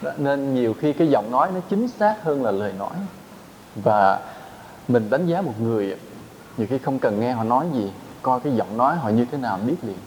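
A monk speaks to his community in an easy, conversational teaching voice, tossing in questions to his listeners. His pitch sits in an ordinary middle range for a man. A faint low rumble hums under the recording. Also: lively intonation, fairly quick, a little mellow, low-quality recording. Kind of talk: dharma talk to monks.

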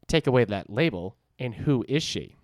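A man's voice: mid-range voice, sing-song, normal speed, no echo, studio quality. A man with a New England accent, co-hosting a podcast, casually reading book blurbs with jokey asides. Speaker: podcast co-host.

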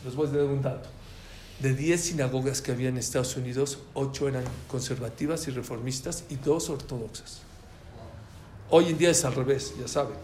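A man teaching a Torah lesson, telling stories with animated quoted voices. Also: mid-range voice, brisk. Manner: animated storyteller, voice rising in quotes. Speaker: rabbi teaching a class. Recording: echoey room with faint ambient noise.

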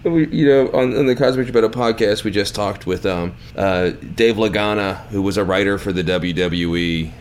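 Podcast co-host, male, lowish voice, opinionated casual talker, slight background hiss. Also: normal speed, few pauses. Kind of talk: casual film chat.

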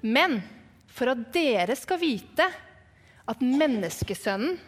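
Jesus as a calm, firm healer, put on by a woman storyteller, his words slow and measured. The voice is fairly high with a long hall reverb. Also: heavily acted. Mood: solemn. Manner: measured, solemn pronouncements. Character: calm, kind but firm grown man healer.

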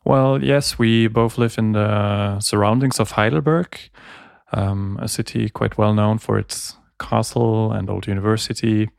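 German guy being interviewed, calm measured talk, bit low and gravelly. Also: no room sound, clean studio sound. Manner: calm, measured, thinks aloud with ums. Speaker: guest, audio engineer.

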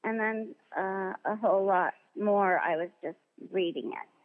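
A woman voice actress being interviewed, telling stories in a chatty, animated way and acting out the dialogue she quotes. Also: medium pitch, a little slow. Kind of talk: casual interview anecdotes. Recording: tinny phone-line sound in a long reverb.

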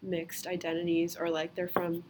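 Against heavy background noise, a podcast host in her twenties from the US chats casually at a moderate pace. Her voice sits on the low side and is completely flat, though her talk stays loose and is packed with "like."

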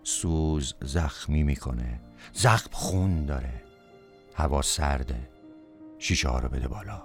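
A man's voice: extremely low pitch, faint music behind. A man playing an anguished, irritable passenger haunted by guilt, speaking in terse repetitions in a poetic audio drama.

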